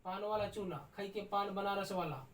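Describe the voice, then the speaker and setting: A woman's voice: medium pitch, fairly even intonation, normal speed, a little hiss or hum. Woman teacher, heard from a distance. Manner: patient, checks in often with "ठीक". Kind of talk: explanatory grammar lesson. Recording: distant mic with faint room ambience.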